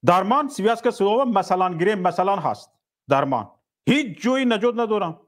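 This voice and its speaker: A man's voice: high-pitched, lively intonation. A man hosting a call-in talk show who speaks sternly and rebukes his critics.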